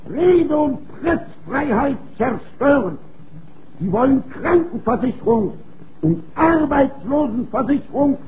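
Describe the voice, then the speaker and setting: A man giving a slow, emphatic, rousing election speech, heard through a megaphone-like loudspeaker on an old, lo-fi archival recording. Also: very high-pitched. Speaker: political campaign speaker. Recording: tinny, lo-fi old archival recording with faint hiss.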